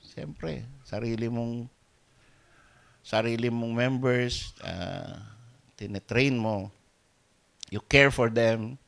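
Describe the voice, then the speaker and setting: Slow, dynamic Filipino pastor preaching. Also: male voice, medium pitch, fairly even intonation, vocal fry. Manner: switches between Tagalog and English, swinging from soft asides to loud emphatic peaks. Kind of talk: sermon.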